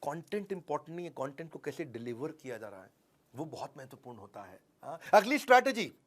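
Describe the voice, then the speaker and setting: Animated man teaching a sales seminar. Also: a little high, fast. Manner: animated, quizzes the audience, acts out dialogues. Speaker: sales trainer. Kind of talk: motivational seminar lecture.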